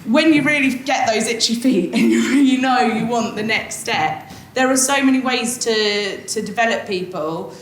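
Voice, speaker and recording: A woman's voice: fairly high pitch, normal speed. A woman on a conference panel, answering a question in a candid, chatty way and laughing easily. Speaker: panelist, SDR manager. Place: conference hall. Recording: echoey event hall with faint noise.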